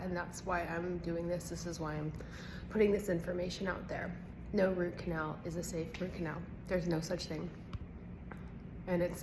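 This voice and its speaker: A woman with a slightly low voice records a casual personal vlog while recovering from dental surgery the day before. She talks earnestly and with emphasis, wandering from point to point. The recording has clearly audible noise. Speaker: health vlogger.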